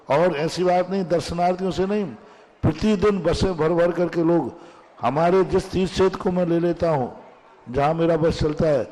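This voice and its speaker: A man's voice: a little high, a little mellow, big-room sound, a little hiss or hum, rough recording. A male monk answering questions in a discourse, speaking emphatically and repeating his key phrases.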